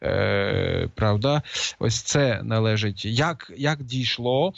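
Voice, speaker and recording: A man's voice: lowish voice, slow, gravelly, dry recording. A man giving an unscripted lecture, talking in a hesitant way with frequent filler sounds and restarts. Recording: dull lo-fi dry recording.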